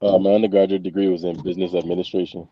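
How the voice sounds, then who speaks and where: A college football player from the Bahamas, in his twenties, gives casual, somewhat hesitant answers as an interview guest. His voice is deep and level, and he speaks very fast, captured on a dull, lo-fi close microphone.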